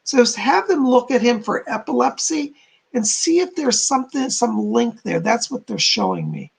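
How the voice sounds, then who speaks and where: A man with a hoarse, croaky frog voice, giving live spiritual readings to donors as a psychic medium. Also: very high-pitched, wildly swooping pitch, moderate pace.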